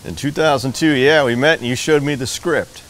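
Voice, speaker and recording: A man who acted in the film, telling an animated, laughing anecdote from the shoot. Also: mid-range voice, moderate pace, soft background music. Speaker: actor. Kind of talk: documentary interview.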